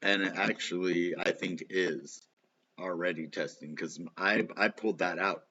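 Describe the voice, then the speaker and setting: Man, low pitch, missing front teeth, informal rambling market commentary, slightly muffled lo-fi recording. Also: a little slow, pushed and bright. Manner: informal, rambling, filler-heavy, frequent "you know" and "like". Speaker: host of a crypto channel. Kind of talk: casual rambling vlog, live market commentary. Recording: slightly dull, lo-fi sound.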